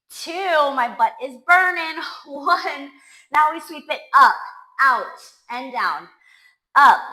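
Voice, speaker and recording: An upbeat woman leads a pilates class, counting down reps with cheers. Her voice is bright and forceful, set fairly high and paced slowly. The sound carries the echo of a room. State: winded. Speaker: pilates instructor. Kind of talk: workout class cueing.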